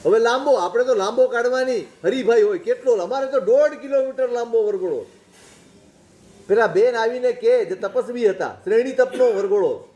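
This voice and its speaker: A man preaches a sermon in a notably high voice, working through anecdotes and pointed rhetorical questions. His voice rings with the echo of a reverberant room. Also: normal speed, a little mellow. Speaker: Jain monk preacher. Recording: roomy echoing recording.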